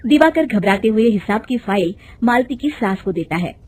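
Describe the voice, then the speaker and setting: A woman narrating a cartoon story in a plain, steady storytelling manner. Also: medium pitch, moderate pace, slight background noise.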